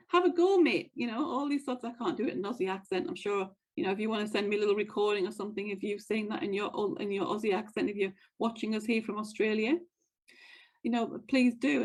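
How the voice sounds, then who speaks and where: A woman's voice: medium pitch, a little fast, darkish tone, poor audio. A woman hosting a motivational wealth podcast, speaking in an earnest, encouraging way and repeating her key phrases. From United States. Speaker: podcast host and wealth coach. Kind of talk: motivational monologue.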